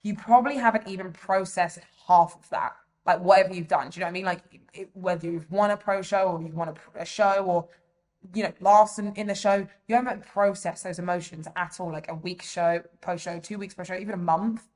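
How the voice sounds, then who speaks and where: A woman's voice: on the low side, fairly even intonation, fairly quick, darkish tone. A young woman with an English accent, co-hosting a podcast in casual chat, talking loosely with lots of fillers. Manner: chatty, full of "like" and "you know". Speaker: podcast co-host.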